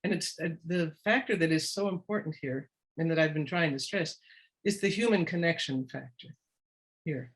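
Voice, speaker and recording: A woman with a low voice and moderate pace presents as an education expert in a webinar discussion. She speaks encouragingly but often restarts in the middle of sentences.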